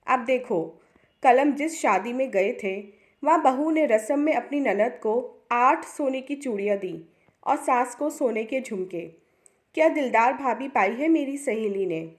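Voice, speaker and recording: A woman's voice: sits high, expressive, a little slow. A woman voicing a whiny spoiled sister-in-law. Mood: complaining. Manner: whiny, resentful. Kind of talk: storybook reading.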